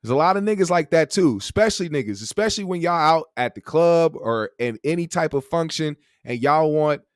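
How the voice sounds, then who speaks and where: A man's voice: fairly high pitch, animated, a little fast, no room sound, clean studio sound. A man hosting a call-in show, talking casually in a slangy, profane, opinionated conversational way. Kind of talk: casual opinionated rant and chat.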